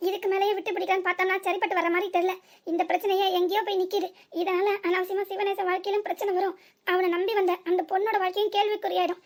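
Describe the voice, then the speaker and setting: A woman voicing a worried family woman brooding aloud over a painful secret in a cartoon serial. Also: extremely high pitch. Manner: anxious, brooding inner monologue.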